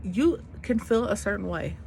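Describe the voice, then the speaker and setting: A woman's voice: medium pitch, animated, moderate pace, gravelly, darkish tone, slight background noise. A woman in her twenties venting in an unscripted vlog rant, blunt and emphatic, repeating her points in casual slangy speech. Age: 20s. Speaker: vlogger.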